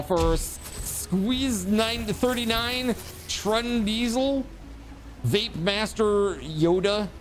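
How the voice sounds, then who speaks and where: Hyped guy streamer chatting to viewers, swingy kinda high voice, music going behind him. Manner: excitable hype, exclaiming and repeating words. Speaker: live game streamer. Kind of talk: casual livestream chat with viewers, shout-outs.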